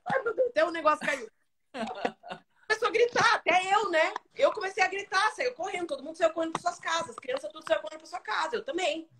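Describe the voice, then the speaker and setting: A Brazilian woman, a singer guest on a live stream, telling a childhood story with dramatic, animated retelling. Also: very high voice, fast, noisy background.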